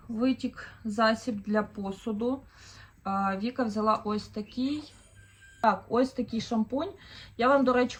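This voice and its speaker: A woman in her thirties from Ukraine, chatting casually through a shopping haul as a vlogger, thinking aloud with fillers. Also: a little high. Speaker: vlogger, mother of four.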